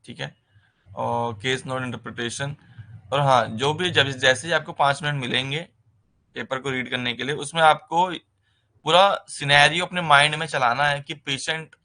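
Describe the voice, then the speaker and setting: A man leads a recorded nursing exam lesson in a bright, forward voice. He speaks in a loose, conversational way, mixing terms. He keeps checking in with a short filler. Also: medium pitch, steady tone, moderate pace. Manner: conversational, repeats "ठीक है" as a filler, mixes English terms into Hindi.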